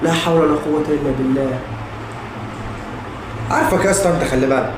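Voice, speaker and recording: Echoey, fast-talking high-voiced Egyptian man. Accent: Egyptian Arabic. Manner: exclaiming, addressing viewers and clips informally. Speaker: host of comedy reaction videos. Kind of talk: casual comedic reaction commentary. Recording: very echoey room, noisy background.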